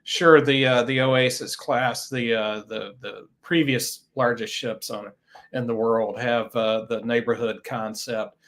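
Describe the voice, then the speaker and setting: A man's voice: medium pitch, steady tone, a little slow, fairly bright tone. A man talking as a guest on a travel webcast, enthusiastic and repeating words as he starts sentences. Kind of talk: casual webcast chat.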